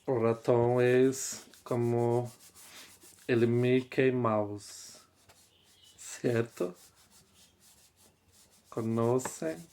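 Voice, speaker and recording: A man teaching a language class at an unhurried, very slow pace. His voice sits in the middle range, neither high nor low. He repeats each example patiently and keeps checking that his students follow. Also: steady tone, warm tone, clear, resonant tone. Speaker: Spanish teacher.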